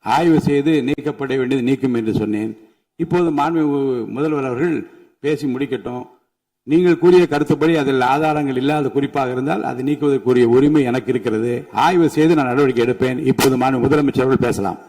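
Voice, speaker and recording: A man acting as assembly speaker, giving a formal, measured ruling to the house. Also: medium pitch, a little mellow, big-room sound, poor audio. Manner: formal, measured, chairing the session. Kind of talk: procedural ruling. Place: legislative assembly hall.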